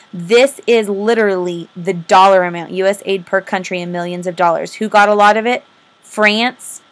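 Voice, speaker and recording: An American woman with a mid-pitched voice speaks as a teacher giving a recorded lesson. She dictates notes to students, stressing and repeating key terms. Her delivery is informal and emphatic, with questions she answers herself. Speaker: history teacher.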